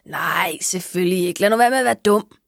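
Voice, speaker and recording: A grumpy male crow from a storybook, raspy and screechy, snapping out loud sarcastic remarks, as a woman puts him on. His voice sits higher than a plain speaking voice. It is recorded dry and close. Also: dry recording.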